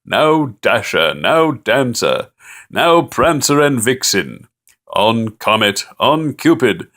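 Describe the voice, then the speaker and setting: A man voicing Saint Nick, an old, jolly man calling out to his reindeer in booming, drawn-out calls. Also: very animated, fairly bright tone, full character voice. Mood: rousing.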